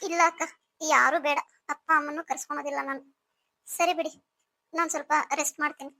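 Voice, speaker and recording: A woman's voice: high-pitched, fairly even intonation, fast talker, sharp tone. A woman voicing a hurt, bitter young pregnant wife in a cartoon story, speaking in a reproachful, pleading way.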